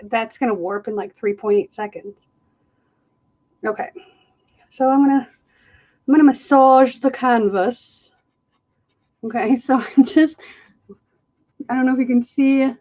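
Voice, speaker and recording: A woman hosts a live fluid art stream from her studio, with the camera overhead on the table. She chats casually, jokes at her own expense, and laughs often. Her voice is on the high side, and the recording's highs are cut off.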